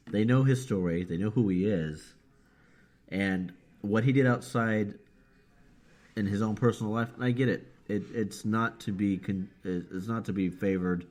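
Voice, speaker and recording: A man's voice: deep voice, a little mellow. A man co-hosting a casual wrestling podcast, rambling through his points and laughing at himself. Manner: rambling, laughs easily, self-mocking. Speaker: podcast co-host. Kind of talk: casual chat.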